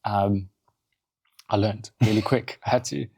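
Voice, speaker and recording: A South African man, a podcast guest and coffee roaster founder, telling his story in casual, animated chat in a studio. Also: lowish voice, a little slow, vocal fry, slightly rough, no echo. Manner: animated, acts out quotes in other voices.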